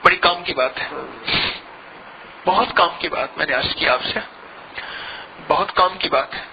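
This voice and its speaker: Guy preaching a heartfelt sermon, keeps repeating himself and building up, slightly muffled recording, faint room hum. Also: a little high. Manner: repetitive, pleading, swells in intensity. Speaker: spiritual lecturer. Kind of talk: emotional devotional sermon.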